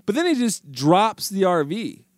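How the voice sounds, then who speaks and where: A man hosting a casual movie-chat podcast, playful and quick to laugh. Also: high-pitched, very animated, dry recording. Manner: playful, quick to laugh, mock sports-commentary. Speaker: podcast host.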